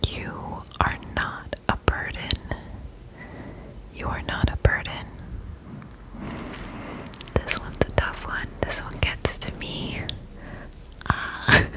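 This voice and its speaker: Woman doing asmr whispered pep talk, super slow, soothing, says affirmations over and over. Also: poor audio. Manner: soothing, slow, repeats phrases. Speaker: ASMR host.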